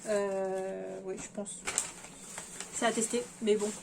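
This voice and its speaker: A woman's voice: medium pitch, level tone, slow, creaky, noisy background. A woman casually talking through fabrics in a sewing vlog, hesitating and thinking aloud with many fillers while addressing her viewers. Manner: chatty, addresses viewers directly. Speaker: sewing vlogger.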